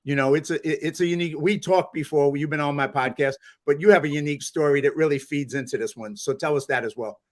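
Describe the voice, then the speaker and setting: New host with a raised voice. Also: male voice, fairly high pitch, quick pace, hardly any pauses. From New York (the Bronx). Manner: conversational, leads into questions. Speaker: podcast host. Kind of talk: interview questions.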